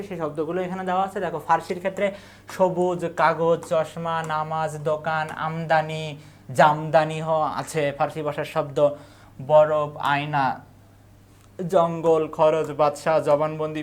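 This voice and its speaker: A teacher giving an exam-prep lecture, reading long word lists and asking and answering their own questions. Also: medium pitch.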